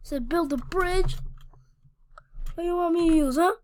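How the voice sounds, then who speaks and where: A woman casually commenting on her Minecraft gameplay, excitable and slangy, often stammering and talking back at the game. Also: very high-pitched, normal speed, slight background noise. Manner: scattered, restarts and stammers. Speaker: gaming channel host.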